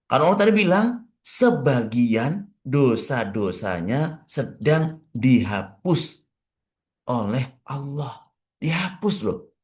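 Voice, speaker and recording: A man giving a morning religious study talk as a preacher, speaking conversationally to his listeners and emphatic and repetitive, with wide swings in pitch. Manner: conversational, addressing listeners directly. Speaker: Islamic preacher.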